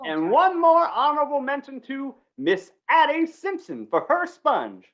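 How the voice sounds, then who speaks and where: Here a woman takes the role of a rattled small-town fair announcer for a vintage western radio drama, sounding both folksy and official. Her lines come out halting and dithering, with repeated words and a lively, swooping pitch. The live capture is a touch muffled and lo-fi.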